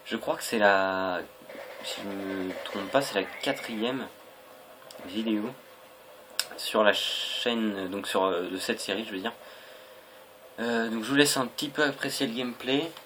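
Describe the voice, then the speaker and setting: A man's voice: lowish voice, fairly even intonation, unhurried, pauses often. A young adult Frenchman gives casual, hesitant and rambling gameplay commentary on a noisy home recording. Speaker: gaming video creator.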